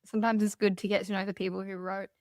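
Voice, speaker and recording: A woman's voice: mid-range voice, little pitch movement, fast talker, a little mellow, dry recording. Woman podcast host, dry close sound. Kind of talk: podcast interview.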